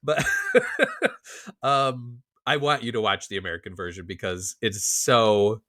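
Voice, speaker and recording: A man co-hosting a podcast in casual chat, talking with animated, profane rants. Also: on the low side, slow pace, no room sound, studio quality. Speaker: podcast co-host.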